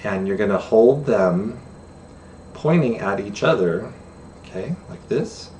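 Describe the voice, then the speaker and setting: Recorded on a distant camera mic with faint room noise, a middle-aged man gives a friendly beginner sign language lesson, chatty and poking fun at himself. He talks slowly and expressively in a lowish voice with a darkish tone.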